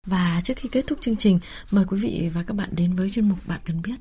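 A woman's voice: mid-range voice, fast talker, mellow, breathy edge. A woman hosting a health radio programme, speaking politely as she interviews and addresses listeners. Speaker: radio health show host. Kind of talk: polite broadcast interviewing and sign-off.

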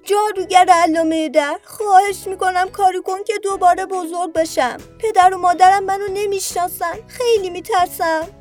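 A woman doing a high little boy kangaroo. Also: soft background music. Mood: anxious, pleading. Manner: raised childlike voice. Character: young boy kangaroo, anxious, wishful.

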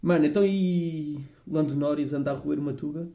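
A young man with a European Portuguese accent talks quickly in a casual chat. His voice sits a little high but sounds dark and warm. He uses slang and repeats short phrases for emphasis. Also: fairly even intonation.

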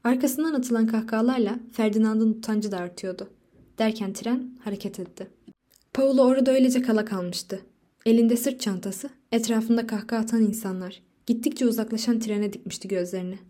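A woman narrates a literary short story aloud in a measured, expressive reading. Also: on the high side.

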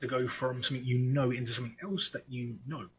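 Ein Mann aus England mit englischem Akzent, der selbstironisch und verspielt im Podcast plaudert. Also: male voice, mid-range voice, flat delivery, fast, slight background noise. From United Kingdom. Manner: self-mocking and playful. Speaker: podcast co-host and streamer. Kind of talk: casual podcast chat.

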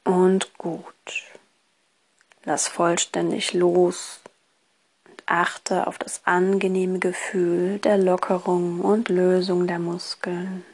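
Woman doing guided relaxation, soft slow hypnotist voice, kinda low, soothing. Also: flat delivery. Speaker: relaxation course instructor. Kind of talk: guided relaxation, scripted instruction.

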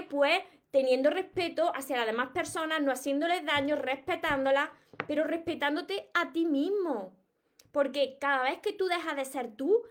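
A woman from Córdoba with an Andalusian accent, giving an earnest motivational talk to viewers on a live stream. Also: high voice. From Córdoba, Andalusia, Spain. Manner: earnest, repetitive, addresses viewers directly. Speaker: self-help live streamer.

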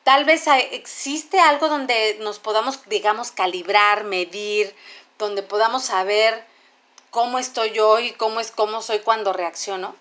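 A woman's voice: a little high, a little slow, a bit bright. Thoughtful woman host asking questions. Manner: thoughtful, searching, with fillers and restarts. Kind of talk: conversational podcast talk.

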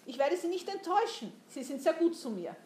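A woman's voice: very high voice, sing-song, a little fast, a little mellow, a little hiss or hum, pitched above the performer's own voice. A woman voicing an eager, anxious teenage boy who pleads earnestly in a storybook reading. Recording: roomy echo.

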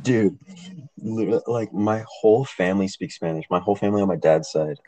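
A young man with a very low voice tells stories animatedly and swears freely. His recording sounds dry and close, with no room echo. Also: a little fast, mellow. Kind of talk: casual chat.

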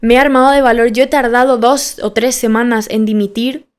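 A woman's voice: on the high side, fairly even intonation, brisk, smooth. A nineteen-year-old woman hosting a podcast, talking candidly and emphatically in a casual motivational monologue, repeating phrases for stress. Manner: candid and personal, self-deprecating. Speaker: podcast host.

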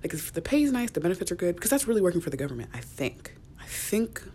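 Young woman, solo podcast host, lower-pitched, soft and rambling, many ums and restarts, slips into whispers, faint background rumble. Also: big pitch swings, fast. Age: young adult. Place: small enclosed room at work.

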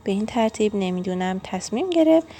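A woman's voice: medium pitch, lively intonation, warm tone. A woman reading a children's story aloud, acting out each character's lines. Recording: faint music behind.

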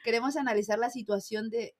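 A woman's voice: fairly high pitch, steady tone, fast. A young woman co-hosting a podcast, joking around in slangy casual chat. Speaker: podcast co-host.

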